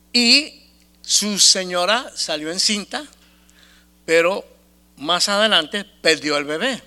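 A man giving a lively, conversational testimony, repeating himself and laughing often. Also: high-pitched. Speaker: speaker giving a faith testimony.

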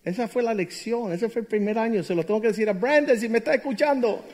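Man, middle-aged, high voice, sermon, emphatic, jokey, tells stories. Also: quick pace, a little mellow. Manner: emphatic, jokey storyteller who acts out quotes. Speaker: preacher.

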